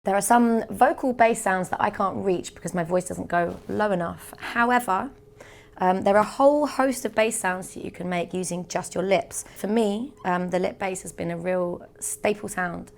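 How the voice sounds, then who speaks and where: Young woman, beatbox tutor, gravelly edge, middle pitch, patient explainer. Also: moderate pace. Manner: patient, step-by-step demonstrating. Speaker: beatbox instructor.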